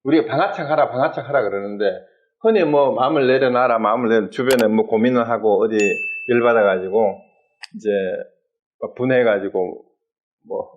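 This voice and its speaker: A man's voice: mid-range voice, normal speed. A man lecturing on Buddhist texts, explaining terms step by step and acting out quoted exchanges. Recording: dull lo-fi sound.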